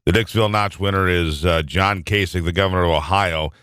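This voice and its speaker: Low-voiced wry male talk radio host. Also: fairly quick, fairly bright tone, clear, resonant tone, dry recording. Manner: wry, conversational, dry asides.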